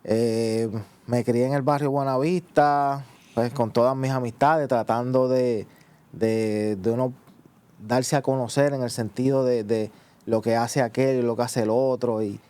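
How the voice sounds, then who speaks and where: A man with a Puerto Rican accent telling his personal testimony, halting and filling with "eh" and "pues". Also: mid-range voice, fairly even intonation, dark tone, clean tone. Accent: Puerto Rican Spanish. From Puerto Rico. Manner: halting, many "eh" and "pues" restarts. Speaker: guest giving testimony.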